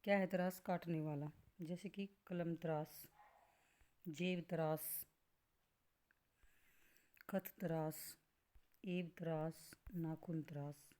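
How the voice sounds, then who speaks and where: A woman teaching grammar at a slow classroom pace, reading out word lists one by one and explaining each, with an occasional cough. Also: low voice, fairly even intonation, dark tone. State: coughing at times.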